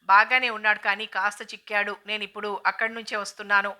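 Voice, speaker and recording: A woman's voice: mid-range voice, little pitch movement, fast talker, bright, forceful tone. A woman reading the lines of an outspoken, affectionate young sister-in-law who scolds and teases. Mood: scolding.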